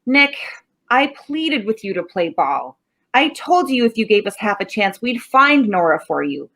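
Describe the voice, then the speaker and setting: Woman as animated, sardonic police sergeant Guffey. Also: mid-range voice, a little slow, exaggerated voice. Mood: suspicious. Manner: sardonic, interrogating. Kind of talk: 1940s radio drama acting.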